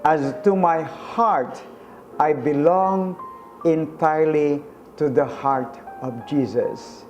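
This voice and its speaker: Slow, earnest male preacher. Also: a little high, darkish tone, lo-fi sound, soft background music. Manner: slow, earnest, emphatic with rising stresses. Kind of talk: sermon-style reflection.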